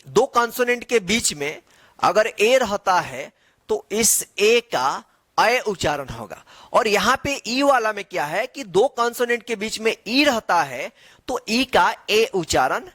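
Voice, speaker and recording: A male English teacher giving a classroom-style lesson. He spells letters out slowly and answers his own questions. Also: high voice, fairly bright tone, dry recording.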